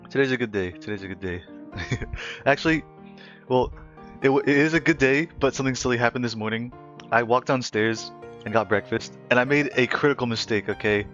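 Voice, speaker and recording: A man's voice: medium pitch, normal speed, long pauses, a bit bright. A young man hosting a livestream, chatting casually and telling a story, rambling and laughing often between phrases. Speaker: livestream host. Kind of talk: casual stream chat and storytelling. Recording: slightly muffled lo-fi audio, faint music.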